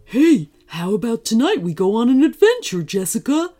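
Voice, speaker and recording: A woman's voice: a little high, moderate pace, soft background music, voice pushed up. A woman voicing a playful talking Christmas tree. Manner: playful, lively.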